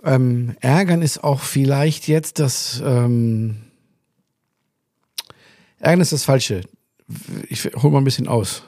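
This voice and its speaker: Gravelly ranting man. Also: mid-range voice, slow, long pauses, darkish tone, dry recording, clean studio sound. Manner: ranting, swearing, acts out quoted dialogue. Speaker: podcast co-host. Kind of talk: casual chat.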